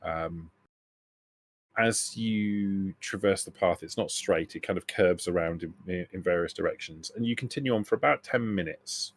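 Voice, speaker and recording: In a low voice, a man narrates a tabletop role-playing game as its game master, describing scenes haltingly and revising himself as he goes.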